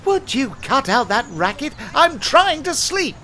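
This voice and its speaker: Guy doing a cranky stuck-up old english gent for a cartoon, huffy and indignant, bouncy up and down pitch. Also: big pitch swings, unhurried, heavily acted. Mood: grumpy. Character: grumpy pompous old Englishman.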